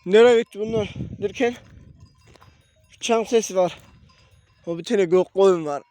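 A young man with a voice hoarse from a cold, chatting casually to viewers from a mountain pasture. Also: sits high, a little slow, dark tone. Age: young adult. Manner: talks to viewers as friends, calls to his animals. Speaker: shepherd vlogger. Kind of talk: casual vlog narration outdoors. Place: mountain pasture outdoors, wind.

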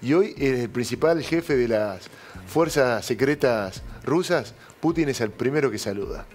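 With faint music behind him, a middle-aged Argentine host of a TV-studio political talk show speaks a little slowly, his medium-pitched voice expressive and darkish. His storytelling is emphatic, and he calls his co-host by name.

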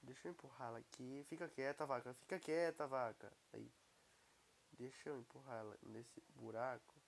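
A young man with a Brazilian Portuguese accent talks through his gameplay in a loose, chatty way. He keeps breaking into excited exclamations at what he sees on screen. He has a cold, and his voice sits at an ordinary middle pitch. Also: normal speed, gravelly. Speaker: gaming YouTuber. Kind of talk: casual gameplay commentary.

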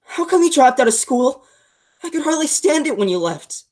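Picture a sensitive teenage greaser boy who speaks earnestly about what troubles him, in a school production. The voice sits a little high and moves lively up and down. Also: normal speed. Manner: earnest, reflective. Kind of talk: school play read remotely.

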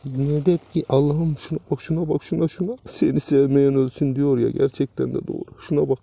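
Excited man with a dark, mellow voice. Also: mid-range voice, brisk, gravelly, lo-fi sound. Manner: exclaiming, repeating short phrases, often dropping to a hushed voice. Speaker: treasure-hunting video host. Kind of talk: excited outdoor vlog commentary. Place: outdoors by a tree in sunlight.

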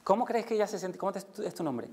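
A male conference speaker with a Spain Spanish accent talks to a live audience in a lecture room. He is animated and demonstrative, pitching his voice up and down to act out emotions as he teaches. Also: fast, crowd noise. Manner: lively, demonstrates voices with big pitch jumps.

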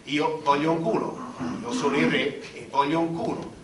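A man's voice: fairly high pitch, fairly even intonation, moderate pace, a crowd in the background, lightly acted. An actor playing a petulant, lustful, pompous king, declaiming in absurdist stage comedy. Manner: pompous declamation, swinging into shouts. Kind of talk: absurdist comic stage theatre. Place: theatre stage with audience. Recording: echoey theatre, distant microphone.

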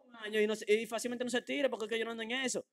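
A young adult guest with a Dominican Spanish accent talks at a racing pace in a very high, level voice. Brash and slangy, he repeats phrases for emphasis while answering into the interviewer's handheld mic in a small furnished indoor room.

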